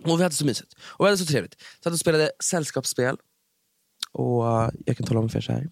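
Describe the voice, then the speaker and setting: A man's voice: medium pitch, vocal fry, dry recording, clean studio sound. A man co-hosting a casual podcast who teases his co-host and jokes in slangy banter. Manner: teasing, joking banter with slang.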